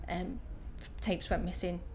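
A woman's voice: fairly low pitch, fairly even intonation, slow, darkish tone, slight background noise. A woman in her thirties with a Liverpool accent, answering interview questions casually and hesitantly, with many filler ums. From Liverpool, England.

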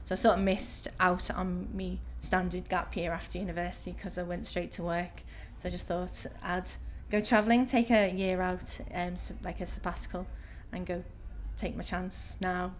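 A woman in her thirties with a Liverpool accent gives casual interview answers, pausing often with ums. Her voice sits a little low. Faint noise hums behind her. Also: flat delivery. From Liverpool, England. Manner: hesitant, many filler ums.

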